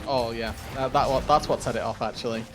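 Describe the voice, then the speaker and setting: A man's voice: medium pitch, steady tone, fairly quick, over music. Dry, teasing male esports analyst. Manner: dry, teasing, explains game detail. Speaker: esports caster. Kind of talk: analytical color commentary.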